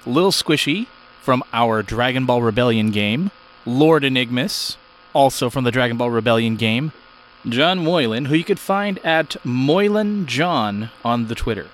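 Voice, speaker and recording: A man's voice: mid-range voice, lively intonation, measured pace, rough recording. Man reading outro credits. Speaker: show producer.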